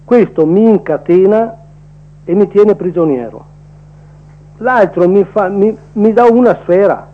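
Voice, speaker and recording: A man's voice: high-pitched, a little slow. A man calling into a radio show over the phone, speaking in a plainspoken, earnest way. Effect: heard over the phone line. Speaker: radio call-in caller. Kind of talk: casual opinion on air. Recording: muffled phone-line audio.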